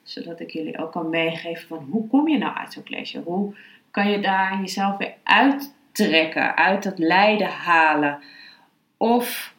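A woman speaking as a meditation and philosophy teacher, calm, unhurried and instructive. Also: on the low side. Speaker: yoga philosophy and meditation teacher, podcast host. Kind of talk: spoken lesson, then slow guided meditation. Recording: roomy, echoing sound.

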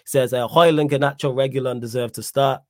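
A man's voice: medium pitch, fairly even intonation, brisk, no echo, studio quality. A man with an urban London accent hosting a football fan livestream in casual, blunt slang.

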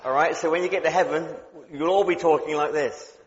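A man's voice: a little high, steady tone, a little fast. A middle-aged man with a West Country accent preaching a chatty, humorous sermon as a guest speaker, often restarting his words. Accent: West Country English. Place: church. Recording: dull sound with long hall reverb.

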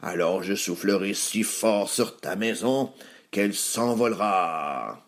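A man voicing a hungry, ill-tempered male wolf who drags out his threats slowly. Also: fairly low pitch, expressive. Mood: menacing. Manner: slow, drawn-out threats.

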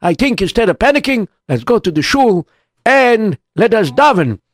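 A man's voice: high-pitched, sing-song, moderate pace, no room sound, clean studio sound, voice pushed up. A man voicing an elderly, fussy synagogue elder who repeats himself insistently. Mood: urging. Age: older.

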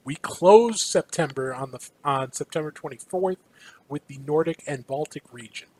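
A man's voice: on the high side, moderate pace, darkish tone, rough recording. A man co-hosting a casual gaming news show, running through a schedule playfully with a few fillers. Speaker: co-host. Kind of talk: casual esports news chat.

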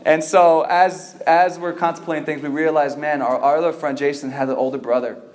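A lively man in his thirties with a high voice tells a comic story to a big crowd. He is animated, jumps into loud acted quotes and chuckles along. His voice rings around a roomy hall. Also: a little fast. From Cuban family, raised in the US. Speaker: youth event speaker. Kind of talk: comedic storytelling to a live crowd.

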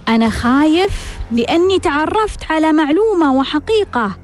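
A woman's voice: sits high, expressive, moderate pace, soft background music. A woman hosting a self-help radio talk, asking rhetorical questions and repeating them for emphasis. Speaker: radio host.

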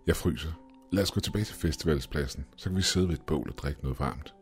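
A man reading a story aloud, voicing a brisk, matter-of-fact young woman without changing much from his deep voice. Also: faint music behind.

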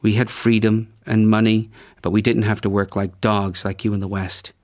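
A man's voice: fairly low pitch, little pitch movement, normal speed, darkish tone, natural voice. A man voicing a thin young male church guide, wistful and bitter, asking blunt, rueful questions.

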